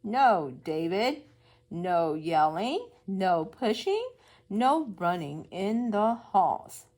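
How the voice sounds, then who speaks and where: A woman voicing a stern schoolteacher in a children's picture book, giving slow, emphatic, scolding commands. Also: medium pitch, sing-song, a little mellow, heavily acted. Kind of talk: picture-book read-aloud for young children.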